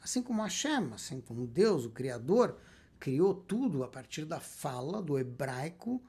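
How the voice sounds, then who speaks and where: Male rabbi, husky lively delivery, lectures with rhetorical questions. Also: a little high, measured pace. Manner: emphatic, asks and answers his own questions. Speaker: rabbi teaching Kabbalah. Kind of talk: spoken lecture.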